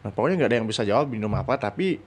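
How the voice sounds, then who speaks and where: A man telling a story in casual chat, animated, jumping up in pitch to act out what others said. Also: rapid-fire. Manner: animated, acts out quoted voices with sudden high pitch. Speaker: podcast guest storyteller.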